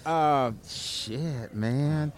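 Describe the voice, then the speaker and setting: A man's voice: fairly high pitch, extremely slow, crowd noise. A man hosting a casual podcast chat, easygoing, laughing along and hesitating with fillers as he thinks. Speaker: podcast host.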